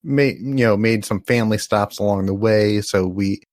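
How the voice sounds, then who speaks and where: A man's voice: on the low side, normal speed, darkish tone, dry recording, studio quality. A tired man from the United States, a podcast guest, rambling and correcting himself with small chuckles. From American. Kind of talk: casual podcast chat.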